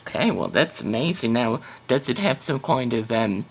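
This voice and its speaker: A man's voice: medium pitch, sing-song, moderate pace, gravelly, husky, exaggerated voice. A man voicing a chatty, skeptical female customer on a prank phone call, hesitant and exclamatory. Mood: skeptical, probing. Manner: hesitant, exclamatory, calls the listener honey.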